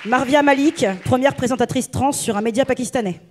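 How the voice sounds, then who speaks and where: A woman's voice: high-pitched, fairly quick, a little mellow. Woman reading nominees, light crowd noise. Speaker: award presenter.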